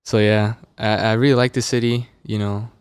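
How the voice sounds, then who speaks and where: A man's voice: on the low side, normal speed, clear, resonant tone, no echo, clean studio sound. A young man from Las Vegas, a musician guest on a podcast, telling stories loosely with lots of fillers. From Las Vegas, USA. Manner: relaxed, loose, filler-heavy storytelling. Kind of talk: casual interview chat. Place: podcast studio. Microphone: dynamic studio mic.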